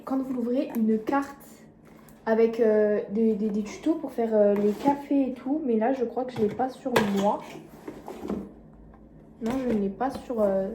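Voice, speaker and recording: A woman's voice: on the high side, mellow. A young woman vlogging casually at home in her kitchen, rambling with lots of fillers and poking fun at herself, recorded on a phone. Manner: rambling, filler-heavy, self-mocking. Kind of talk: casual vlog chat. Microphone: phone camera mic. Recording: echoey room, faint noise.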